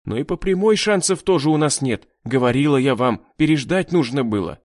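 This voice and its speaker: A man's voice: mid-range voice, lively intonation, fairly quick, a little mellow, no room sound, clean studio sound, natural voice. A man voicing a stubborn, defiant young village woman who speaks firmly, in an audiobook.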